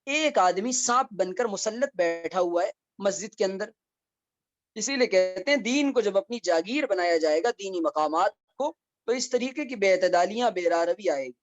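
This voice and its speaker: A man's voice: high-pitched, lively intonation, dry recording, highs cut off. A man, a mufti, giving a conversational religious lecture that mixes rulings with wry asides and rhetorical questions. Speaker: mufti teaching Islamic law. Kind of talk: religious lecture in a teaching series.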